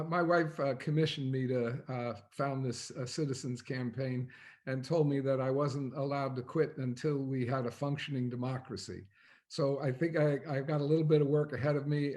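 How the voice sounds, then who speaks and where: A man's voice: medium pitch, a little mellow. A man presenting on an online webinar, explaining things in an earnest, persuasive way.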